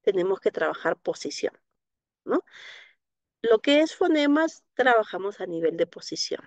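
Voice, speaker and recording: A speech therapy instructor teaches a live online class on child speech in Latin American Spanish, answering viewer questions. Her mid-range voice is sing-song and moderately paced, and she explains patiently with soft diminutives and a frequent "¿no?" tag. There is no room sound.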